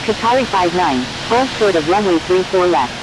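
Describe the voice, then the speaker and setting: A woman's voice: normal speed, close to an everyday voice. A woman voicing a formal flight simulator radio operator in clipped, procedural cockpit-headset phraseology. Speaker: air traffic controller and pilot radio voice. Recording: clear steady hiss and rumble.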